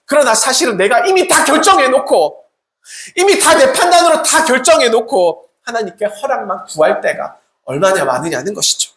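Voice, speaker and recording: Sermon, animated pitch, rhetorical questions, acted-out quotes, echoey sanctuary. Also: normal speed. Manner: rhetorical questions, acts out quoted prayers and replies. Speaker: Salvation Army officer preaching. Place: church sanctuary. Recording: echoey church room.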